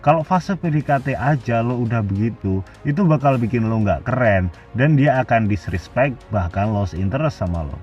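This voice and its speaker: A man's voice: mid-range voice, expressive, moderate pace, darkish tone, distant mic, dull audio, soft background music. A man giving blunt, casual dating advice as a scripted voice-over. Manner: blunt slangy Jakarta-style casual talk.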